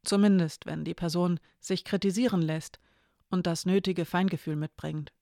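A narrator voicing Zay, a candid young person who speaks carefully and softly. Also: medium pitch, fairly even intonation, moderate pace, vocal fry, no room sound, clean studio sound, lightly acted. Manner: careful, hesitant, soft.

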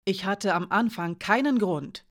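A woman reading as a calm, soft-spoken female spy. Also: medium pitch, unhurried, natural voice. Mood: earnest. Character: composed woman spy, quiet and earnest.

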